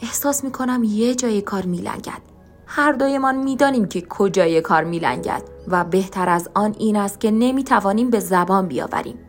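A troubled young man speaks earnestly, turning questions over in a storybook reading, with a woman narrator giving him his lines. Soft music sits faintly under the voice. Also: mid-range voice, close to an everyday voice.

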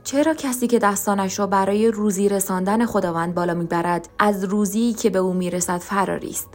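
A woman's voice: mid-range voice, fairly even intonation, a little mellow, soft background music, lightly acted. A woman voicing a troubled young man who speaks earnestly and asks searching questions.

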